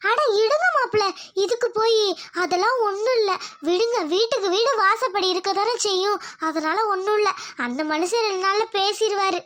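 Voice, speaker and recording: A woman's voice: very high-pitched, moderate pace, fairly bright tone. A woman voicing a caring middle-aged village mother in a cartoon, fussing and welcoming.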